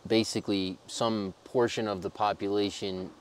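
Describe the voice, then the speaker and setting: A man's voice: fairly low pitch, little pitch movement, moderate pace, slight background noise. A man hosting a casual, conversational interview. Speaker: interviewer, host.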